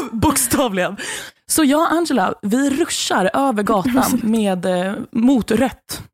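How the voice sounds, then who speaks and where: A woman podcast host from Sweden telling a story in casual chat, animated and slangy, often breaking into laughter. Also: on the high side, husky. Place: Los Angeles.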